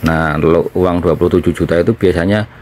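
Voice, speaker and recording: A man from Indonesia explaining things in a casual chat as he eats, with pauses between phrases. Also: deep voice, steady tone, darkish tone, a little hiss or hum. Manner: talking while eating, with pauses. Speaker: vlogger, former trainee in Japan.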